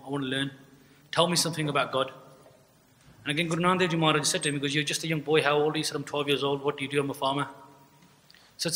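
Speaking at a gurdwara event from a stand-mounted podium microphone, a young man earnestly recounts a story and performs its dialogue. His fairly high voice sounds pushed and bright. The recording carries the long reverb of a large indoor hall.

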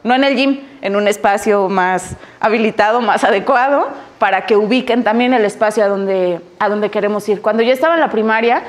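A young adult woman psychologist with a Mexican Spanish accent, giving a lively addiction-prevention workshop to teachers and acting out quoted voices. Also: medium pitch, fairly quick. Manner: animated, acts out quoted voices, frequent "ajá" and "ujú".

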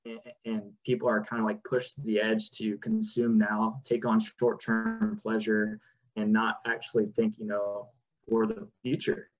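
This man in his twenties speaks unhurriedly in a fairly low voice, chatting loosely as a guest on a video-call interview. He sounds relaxed and fills his speech with "like" and "you know." The audio is dull and lo-fi, with soft music in the background.

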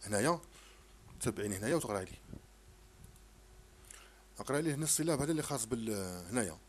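A middle-aged man with an Algerian accent tutoring a child in French sounds, repeating each syllable slowly and firmly. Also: mid-range voice, expressive, slight background noise. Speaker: teacher. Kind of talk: home French phonics lesson explained in Arabic.

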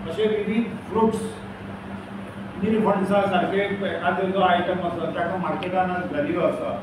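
An older man with a Goan accent, addressing a press conference for a farmers' cooperative, listing names and figures in a steady, formal way. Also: high voice. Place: hall with a banner behind a panel. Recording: echoey hall, distant mic, noisy.

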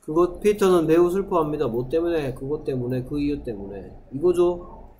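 A man's voice: a little high, expressive, dark tone, slight background noise, rough recording. A male English teacher giving a classroom grammar lesson, asking questions and answering them himself. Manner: reads English sentences slowly.

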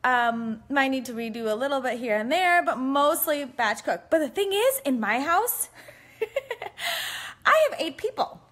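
A woman's voice: high voice, very animated, measured pace, a bit bright. A woman in her thirties from the United States, a physician chatting casually on a live stream from her home kitchen, rambling with many ums and frequent laughs. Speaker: family physician and cooking vlogger. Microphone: phone held at arm's length.

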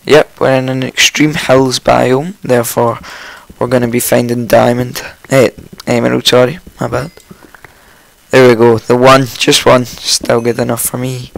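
A man with a croaky morning voice, casually commentating his own game, rambling and chatty with frequent ums and self-corrections. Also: mid-range voice, level tone, measured pace, dry recording, rough recording. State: just woken up, morning voice. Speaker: let's play host.

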